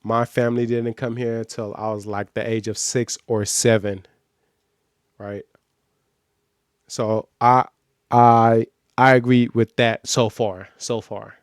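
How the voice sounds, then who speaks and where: Born in Nigeria and raised in the United States, this man speaks with an American accent as a streamer reacting to a video, using casual slang and repeating phrases for emphasis. His mid-range voice is level, slow, clear and resonant, captured in a dry, studio-quality recording.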